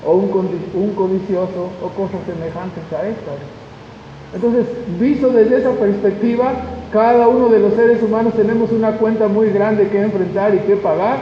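Pastor, male, very high voice, emphatic sermon full of rhetorical questions, recorded dull and lo-fi with faint hiss. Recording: dull echoey hall recording.

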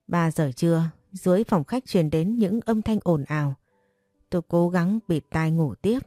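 A woman narrating a first-person audiobook story in a steady, subdued way. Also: lowish voice, moderate pace, dry recording, studio quality. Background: faint background music.

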